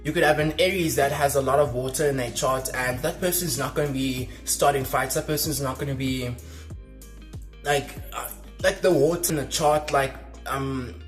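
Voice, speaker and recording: A man's voice: mid-range voice, moderate pace, faint music behind. A young man chatting casually on his vlog, rambling with lots of fillers while he eats. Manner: talking while eating. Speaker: vlogger. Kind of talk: casual mukbang chat.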